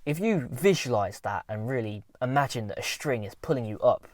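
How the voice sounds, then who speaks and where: A man's voice: medium pitch, lively intonation, normal speed, no echo, clean studio sound. A young man talking casually to camera, giving earnest, informal self-improvement advice.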